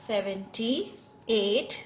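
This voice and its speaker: A woman's voice: mid-range voice, flat delivery, extremely slow, slight background noise. A woman teaching a math lesson in Hindi, going step by step through place values, often correcting herself and mixing in English number words.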